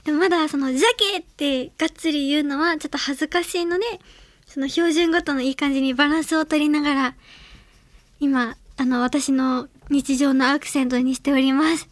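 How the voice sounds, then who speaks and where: A young woman from Hiroshima hosts her own radio segment in a strikingly high, light voice. She chats earnestly with lots of little fillers. Her voice sounds close and dry, with no room around it. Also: fairly even intonation, a little fast, no room sound. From Hiroshima, Japan. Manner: chatty and earnest, many small fillers. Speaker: radio show host. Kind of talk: solo radio segment talk.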